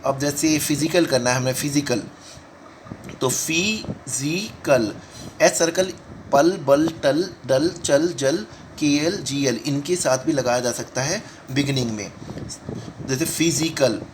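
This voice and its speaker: Brief: male shorthand tutor, a bit higher voice, patient and repetitive, faint hiss behind. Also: poor audio. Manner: explains while writing, repeating each word slowly. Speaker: shorthand teacher. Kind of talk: step-by-step lesson talk in Hindi-English mix.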